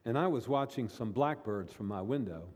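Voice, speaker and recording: A gentle, wistful old woman remembers her childhood, as a male preacher puts her on. The voice is mellow and carries a long hall reverb. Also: medium pitch, expressive, moderate pace, husky. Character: elderly woman in a nursing home, wistful.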